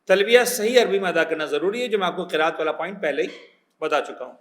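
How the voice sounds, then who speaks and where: A man with a Pakistani accent teaching a religious class as a cleric, animated, mixing in English words and checking that his listeners follow. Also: sits high, roomy sound. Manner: animated teacher, checks understanding with quick questions.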